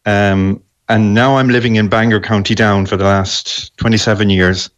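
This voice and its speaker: A man's voice: lowish voice, fairly even intonation, normal speed, dull audio. A middle-aged man from the west of Ireland with an Irish accent, chatting casually as a guest on a radio phone-in. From Galway, west of Ireland. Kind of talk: casual interview chat.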